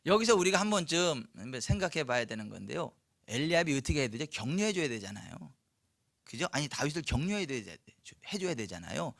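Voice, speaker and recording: A pastor preaches at a night church service, telling a story lively and putting questions to the congregation. His voice is high and bright, and the sound is dry and close. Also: brisk, creaky, no echo. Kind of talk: sermon.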